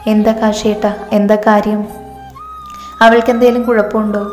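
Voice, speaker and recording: A woman's voice: mid-range voice, level tone, normal speed, a little mellow, close to an everyday voice. A woman voicing an anxious, playful young heroine. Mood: worried. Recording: echoey reverberant room, faint music.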